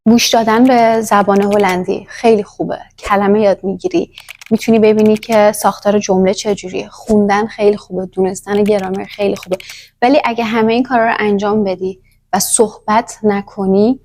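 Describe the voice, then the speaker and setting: A woman's voice: medium pitch, fairly even intonation, a little mellow, slight background noise. A woman teaching a language in a casual, chatty lesson, talking straight to the viewer. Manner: chatty, addresses viewer directly.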